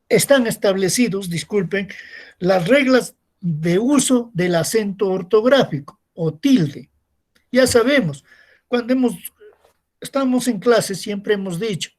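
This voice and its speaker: A male secondary school teacher giving a recorded class, explaining step by step and asking rhetorical questions to his students. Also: high-pitched.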